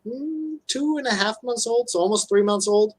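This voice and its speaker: Speaking at normal speed in a very high-pitched voice, a thirty-year-old man appears from home as a guest angler on a live video call. The conversation is a relaxed, colloquial casual chat.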